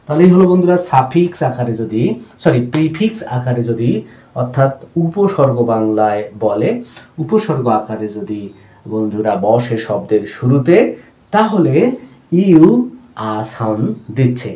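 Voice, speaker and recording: A man teaching English pronunciation rules. His voice is mellow and dark. He repeats each example word slowly and keeps calling his viewers friends, and the recording has a roomy echo. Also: mid-range voice, animated. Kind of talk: explanatory lesson.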